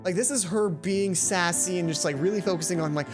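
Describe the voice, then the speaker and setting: Over game music, a brisk woman with a fairly low pitch hosts a let's play. She performs a visual novel's lines expressively and follows them with relaxed, chatty commentary.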